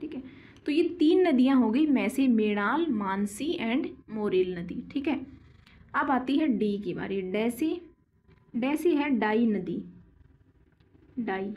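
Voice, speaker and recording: A woman teaching a geography lesson, slowly repeating key names and quizzing her students with questions as she draws on a board. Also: fairly high pitch, expressive, darkish tone. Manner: slow and deliberate, drawing on a board while explaining.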